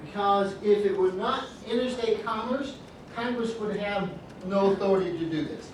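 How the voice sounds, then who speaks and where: A man's voice: high-pitched, normal speed, noisy background. A man teaching a business law class, reading through points and calling on students by name with dry jokes. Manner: joking, calls on students by name. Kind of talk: classroom lecture. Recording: echoey classroom from far off.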